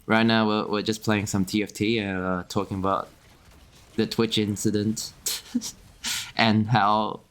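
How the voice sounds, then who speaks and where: A man's voice: fairly low pitch, level tone, a little slow, long pauses, fairly bright tone, clear, resonant tone. A young man streaming a game, chatting casually and rambling with lots of fillers, restarts and little chuckles. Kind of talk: casual chat while gaming.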